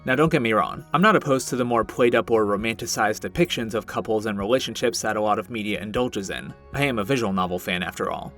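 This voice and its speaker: A man's voice: medium pitch, a bit bright. A man giving scripted commentary as a video essayist, earnest, reflective and a little self-deprecating.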